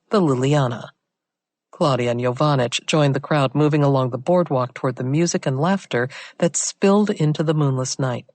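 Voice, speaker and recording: A woman narrating a mystery thriller audiobook in a steady, measured way. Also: very deep voice, dry recording. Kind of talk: scripted narration.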